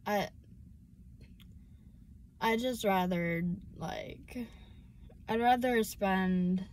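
A teenage girl chats slowly and casually from inside a car, drifting through thoughts with many pauses, fillers and restarts. Her pitch sits in an ordinary middle range. A faint hum of background noise stays under her voice. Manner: rambling and hesitant, full of fillers and restarts. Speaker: vlogger. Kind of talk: casual chat while driving.

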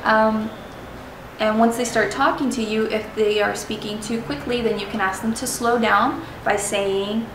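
The voice here is fairly high and level, moving at a measured pace, belonging to a young adult woman whose first language is Spanish. She explains travel phrases to camera in a chatty, self-deprecating way, often saying um and restarting. The audio sounds roomy and distant over a noisy background.

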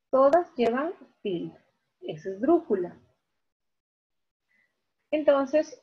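A woman teacher giving an online lesson, talking slowly and repeating key words syllable by syllable. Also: on the high side, slightly rough. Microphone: video call. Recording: dull video-call audio.

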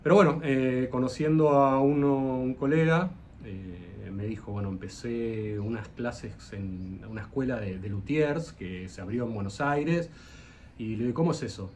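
A man with an Argentine accent, a luthier appearing as a guest on a video call, speaks in a slightly mellow mid-range voice at normal speed, with a little hiss or hum on the line. In this casual interview he tells long, rambling anecdotes, hesitating often with "eh" fillers.

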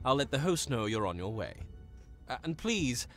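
A man's voice: mid-range voice, very animated, normal speed, over music. An actor playing a polite, formal male hotel concierge in a video game, speaking courteously.

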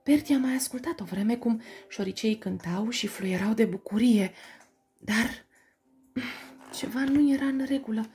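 A woman reading a children's story aloud, in an expressive, animated storytelling manner. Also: fairly high pitch.

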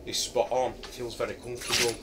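Standing indoors in his kitchen, a middle-aged man from Yorkshire casually talks through a camping chair, pausing often with ums as he thinks. He speaks fairly quickly in a flat, mid-range voice, recorded by a camera several feet off with background noise.

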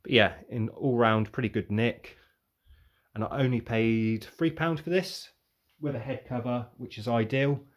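This young man's mid-range voice runs a little slow as he reviews his car boot sale finds on his vlog. It's casual show-and-tell, with plenty of rambling and thinking aloud.

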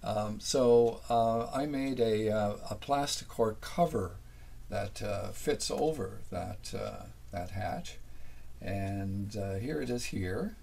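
An older man giving a casual narrated tour of his small sailboat cabin, unhurried and halting, full of fillers. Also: lowish voice, creaky, darkish tone. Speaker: boat owner giving a tour. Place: small sailboat cabin, then home office.

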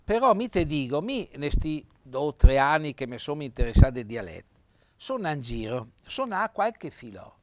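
A man's voice: fairly high pitch, very animated, normal speed, dry recording. A man, a retired teacher in TV chat, lecturing and correcting grammar. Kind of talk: bantering TV chat. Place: local TV studio.

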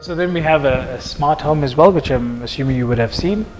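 Measured man explaining, echoey hall. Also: on the high side, darkish tone, faint music behind. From South Africa. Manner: measured, explains with examples, frequent fillers. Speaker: project manager being interviewed. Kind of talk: explanatory interview answers. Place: office lounge, seated on a sofa.

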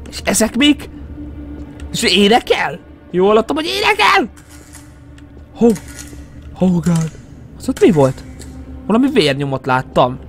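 A young man with a Hungarian accent commentating a horror game, excitable and jumpy, muttering to himself between yelps. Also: high voice. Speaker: gaming YouTuber. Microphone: headset. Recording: faint game music behind.

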